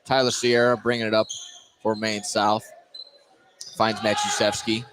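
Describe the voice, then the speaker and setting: This lowish, level voice moves at a measured pace as the announcer calls basketball play-by-play live for radio from a gym during the game. A bouncing ball and other game noise come through the noisy broadcast.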